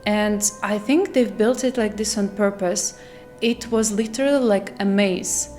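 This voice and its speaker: A woman who worked as a flight attendant, telling spooky hotel stories in a casual, animated way and laughing at herself. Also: mid-range voice, unhurried, faint music behind. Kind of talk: casual storytelling to camera.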